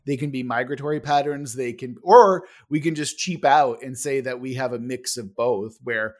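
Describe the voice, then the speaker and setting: A man brainstorming ideas in casual chat, excitable and rambling, swearing now and then. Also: mid-range voice, normal speed. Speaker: worldbuilding collaborator.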